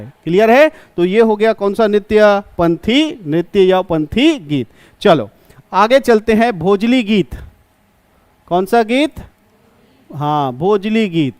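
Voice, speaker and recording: High-voiced male coaching teacher, drilling. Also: clear, resonant tone, dry recording. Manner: asks questions and answers them himself, repeating key terms slowly. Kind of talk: exam-prep lecture.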